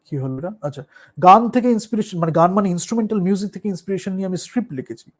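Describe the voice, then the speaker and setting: A man with a Bengali accent, a musician and performer, talking in a casual, thoughtful way, slipping English phrases into his speech and pausing with fillers. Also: sits high, animated, darkish tone. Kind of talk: casual talk on art and performance.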